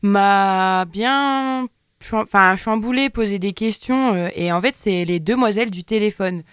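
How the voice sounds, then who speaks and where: Hesitant woman with a smooth voice. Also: mid-range voice, measured pace, dry recording, clean studio sound. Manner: hesitant, many fillers. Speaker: radio show columnist. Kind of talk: presenting a TV series review.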